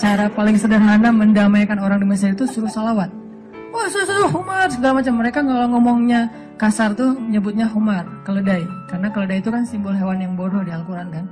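A man from Aceh giving a humorous religious talk as a preacher, telling stories in a lively way and acting out quotes in a raised voice. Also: high voice, fast, music in the background. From Aceh, Sumatra. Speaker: Islamic preacher.

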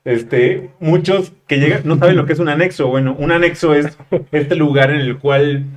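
A man's voice: on the high side, normal speed. A man from Mexico with a Mexican Spanish accent, hosting a casual talk show, chatty and slangy as he reads viewer questions. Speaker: host. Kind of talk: casual interview chat.

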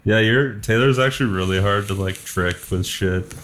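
A man's voice: fairly low pitch, normal speed, fairly bright tone, rough recording. A young man co-hosting a casual podcast chat, mostly brief interjections and dry asides. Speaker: podcast co-host.

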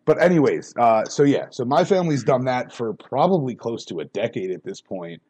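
A man, the podcast's producer, chatting in a relaxed way and explaining things with small restarts. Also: medium pitch, normal speed, husky. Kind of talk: casual podcast chat.

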